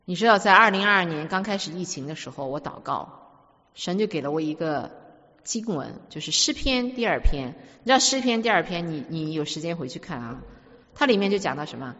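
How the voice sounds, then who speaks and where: A woman's voice: on the low side, animated, a little fast, a bit bright. A woman preacher giving a sermon, emphatic and full of stories, often repeating words as she speaks. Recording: dull recording with long hall reverb.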